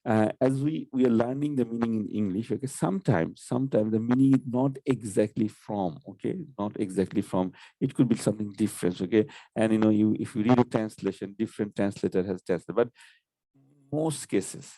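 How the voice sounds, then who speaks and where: A man's voice: fairly low pitch, brisk, dark tone, no room sound. A man teaching Arabic grammar in an online class, explaining patiently and saying "okay" often.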